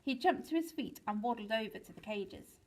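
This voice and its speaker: A woman, a teacher, reading a children's book aloud to pupils in a lively storytelling way, with big swings for the exciting parts. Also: fairly high pitch, brisk, poor audio.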